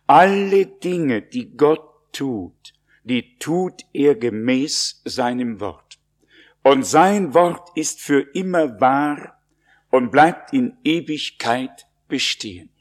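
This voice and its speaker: A man preaching a sermon, slow and solemn, stressing his words with long pauses. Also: fairly high pitch, darkish tone.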